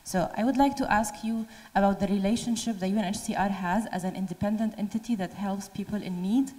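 Polite mellow woman asking from the floor. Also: mid-range voice, fairly quick. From Syria. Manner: polite, careful, slight restarts. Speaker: PhD researcher asking a question. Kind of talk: formal audience question. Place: large lecture hall. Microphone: handheld mic. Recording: long hall reverb.

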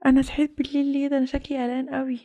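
A woman's voice: high voice, little pitch movement, rapid-fire, warm tone. A young woman with an Egyptian accent narrating a toy story and voicing the mother, fretful and exclamatory. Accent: Egyptian Arabic.

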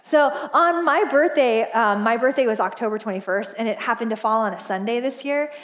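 On a church stage in a large indoor auditorium, a woman pastor in her forties with a high voice delivers a brisk, casual sermon built around stories. She's chatty and animated, laughs often, and uses plenty of filler words.

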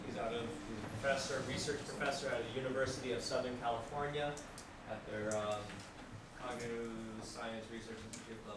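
A man giving a classroom lecture to students, lively and acting out examples as he explains. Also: mid-range voice. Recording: very echoey room, distant mic, background noise.

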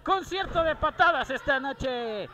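A male wrestling commentator with a Mexican accent and an extremely high-pitched voice. He gives live lucha libre play-by-play, describing the holds and strikes. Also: animated, a little slow, pushed and bright.

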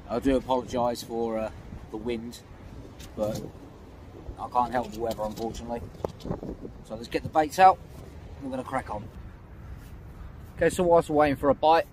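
A man's voice: mid-range voice, a little mellow. A man vlogging from a windy lakeside, talking to camera in a chatty, matter-of-fact way as he fishes. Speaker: angling vlogger. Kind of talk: outdoor fishing vlog narration. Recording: outdoor mic with faint wind noise.

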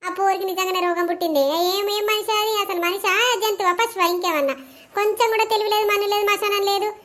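Cartoon old grandmother , woman actor, Telangana accent, very high, rapid, repetitive complainer. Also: fairly even intonation, a bit bright. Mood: scolding. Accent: Telangana Telugu. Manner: complaining, repeats herself. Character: old village grandmother, wronged and pleading. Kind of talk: cartoon comedy voice acting.

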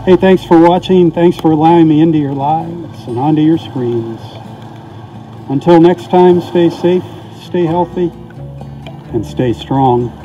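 A man with a dark, mellow voice pitched a little high gives an easygoing beach update out in the rain. The sound is tinny and boxed-in, as if from inside a can, because his camera is sealed in a weatherproof case. He talks like a friendly neighbor. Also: a little slow, soft background music. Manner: easygoing and folksy, signs off with blessings. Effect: tinny, muffled audio from a camera in a weatherproof housing. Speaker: beach reporter. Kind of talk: casual on-location weather report. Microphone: camera mic inside a weatherproof housing. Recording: muffled tinny camera audio.

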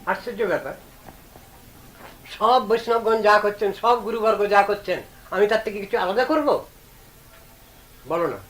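A man's voice: sits high, unhurried, pauses often, fairly bright tone, rough recording. A man giving a devotional discourse as a Vaishnava preacher, emphatic and stern, posing rhetorical questions.

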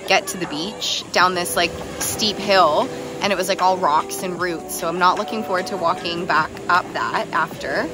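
A woman's voice: fairly low pitch, moderate pace, hardly any pauses, music in the background. A young woman from Canada talking casually to her phone camera while traveling, upbeat and chatty, saying "like" often. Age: young adult. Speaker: travel vlogger. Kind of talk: casual vlog narration. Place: outdoors on beaches and streets, also indoors. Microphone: phone at arm's length.

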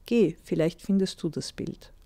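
A woman's voice: lowish voice, moderate pace, warm tone, natural voice. A woman reading a weary, ailing old mother. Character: weak, ailing old mother of three sons.

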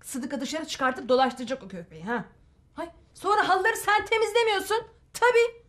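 A woman's voice: extremely high pitch, moderate pace, fairly bright tone. An actress playing a fussy, scheming middle-aged mother in a sitcom, talking with theatrical exclamations. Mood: wheedling. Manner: theatrical, fussing, dramatic exclamations. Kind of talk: sitcom acting.

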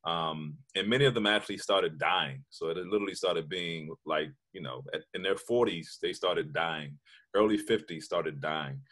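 A deep-voiced man from southern Maryland speaks as a chef on a video-call panel, telling his story with energy and a folksy ease. He talks through a headset from a room at home. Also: moderate pace, fairly bright tone.

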